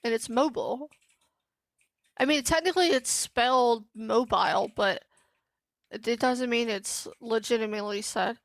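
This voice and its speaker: A woman's voice: fairly high pitch, normal speed, no room sound. A young adult woman streaming a game, chatting casually and in a giggly, scattered way with her viewers. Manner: giggly and scattered, talking to chat. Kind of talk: casual live-stream chat.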